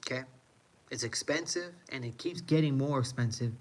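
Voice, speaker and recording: A live streamer from New York City, speaking with an American accent, goes on a casual, emphatic rant and repeats himself for effect. He has a medium-pitched voice and talks at a normal speed.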